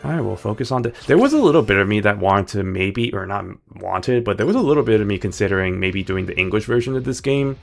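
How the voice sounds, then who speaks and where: A man streams a video game, rambling casually through his choices with playful asides as game music plays in the background. His lowish, creaky voice is expressive and fast, with few pauses.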